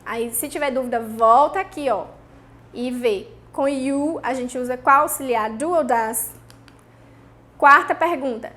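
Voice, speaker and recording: High-voiced Brazilian woman teaching English. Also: a bit bright. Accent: Brazilian Portuguese. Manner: slow, drawn-out model pronunciation of English words for repeating; checks in often with "certo?" and "né?". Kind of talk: recorded video lesson for students.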